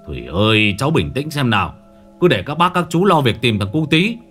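A man voicing an older village man who calmly takes charge and questions the children, in a spoken ghost story. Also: medium pitch, a little fast, faint music behind, pitched above the performer's own voice. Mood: firm. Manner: firm, coaxing questions.

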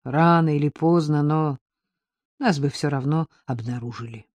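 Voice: medium pitch, moderate pace, darkish tone, no echo, lightly acted. The audiobook narrator voicing Maleev, a tense man in hiding who speaks tersely. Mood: grim. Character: tense male fugitive hiding in rocks.

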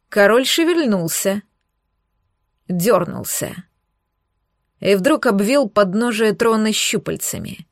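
A woman narrating a fantasy audiobook in the first person, reading in a lively, dramatic way. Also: medium pitch, gravelly, no echo, clean studio sound.

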